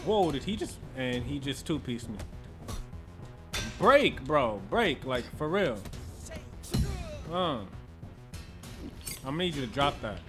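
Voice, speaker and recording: A man giving joking, slangy commentary as he plays through a video game, with loud reactions. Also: mid-range voice, big pitch swings, takes it slowly, long pauses, over music. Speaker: gaming channel host. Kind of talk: casual playthrough commentary.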